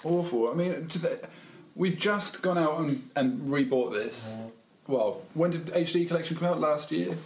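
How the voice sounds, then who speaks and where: A man's voice: a little high, moderate pace, a little hiss or hum. Male podcast co-host in a roomy space. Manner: joking, trails off mid-sentence. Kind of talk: casual chat.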